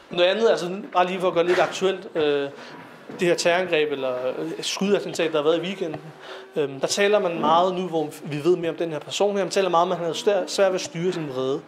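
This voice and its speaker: A young man giving an informal lecture to young people, talking conversationally with fillers and asking his listeners questions. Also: high voice. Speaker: lecturer on Sikh philosophy.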